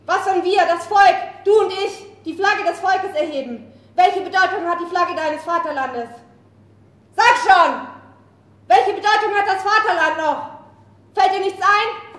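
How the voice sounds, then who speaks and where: A woman's voice: sits high, normal speed, fairly bright tone. A woman reading the part of a defiant young female rebel fighter in a staged play reading, speaking in an impassioned, accusing way. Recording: roomy live café recording.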